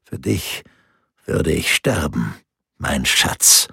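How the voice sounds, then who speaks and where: A man voicing a hardened, protective man who speaks low, hushed and urgent. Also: sing-song, very slow, vocal fry, slightly rough, no room sound, studio quality, heavily acted. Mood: tender.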